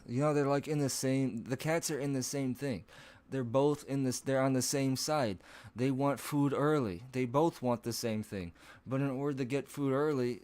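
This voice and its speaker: Casually chatting on a stream from his home, a man wanders from topic to topic, cursing and chuckling at himself. His voice is low with a darkish tone, occasionally jumping into odd high notes.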